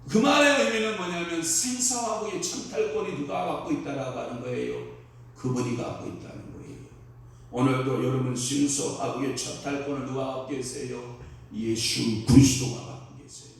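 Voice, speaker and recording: Emphatic pastor in a booming echoey hall. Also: male voice, normal speed, gravelly, far from the mic. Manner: emphatic, quizzes the congregation with questions. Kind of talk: expository sermon. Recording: very echoey hall, speaker away from mic.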